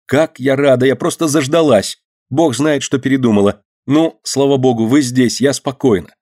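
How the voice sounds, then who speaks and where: A man reading a story aloud and voicing a gentle young woman who is devoted and pleading. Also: medium pitch, normal speed, voice pushed up, lightly acted. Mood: joyful.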